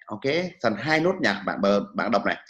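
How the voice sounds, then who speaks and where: A man's voice: on the low side, sing-song, moderate pace, a bit bright, echoey room, lo-fi sound. A man teaching English pronunciation, patiently repeating each sound for students to copy. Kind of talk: pronunciation lesson with repetition drills.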